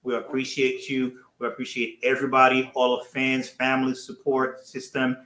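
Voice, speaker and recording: A man's voice: medium pitch, completely flat delivery, moderate pace, bright, forceful tone. A man from Haiti, leading a ministry and addressing a livestream in a casual, earnest way, thanking people again and again. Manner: earnest, repeats his thanks over and over. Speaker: ministry leader hosting a livestream. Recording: roomy echo.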